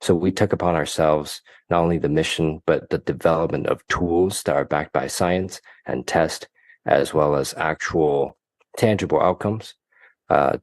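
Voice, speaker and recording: A man from Hong Kong, a guest coach, answering interview questions in a measured, explanatory way with occasional restarts. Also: rumbling low, a little mellow, dry recording. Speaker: guest, mind-performance coach.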